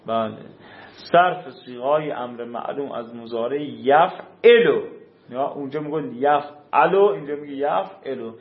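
A man teaching a grammar class. He reads a rule aloud, then explains it in casual speech and puts questions to his students. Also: mid-range voice. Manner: asks the class questions and answers them. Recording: echoey room, dull lo-fi sound.

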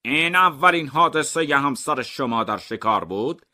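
A man's voice: medium pitch, lively intonation, sharp tone. A man voicing a museum guard and an inspector in a comic mystery story reading, speaking matter-of-factly and questioning firmly. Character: museum guard and inspector, plain grown men.

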